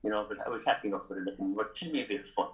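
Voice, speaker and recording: A man's voice: on the low side, rapid-fire, low-quality recording. An older man with an Irish accent chatting casually as a guest, rambling and repeating his phrases over and over. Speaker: podcast guest. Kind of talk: casual chat.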